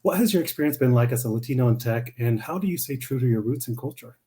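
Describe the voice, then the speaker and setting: A man's voice: mid-range voice, lively intonation, fast, mellow. A man introducing a guest and posing an interview question.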